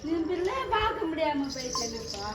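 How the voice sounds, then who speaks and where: A woman's voice: high-pitched, big pitch swings, normal speed, a crowd in the background. A woman undergoing an exorcism, crying and giving short pleading replies. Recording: echoey, distant mic, noisy.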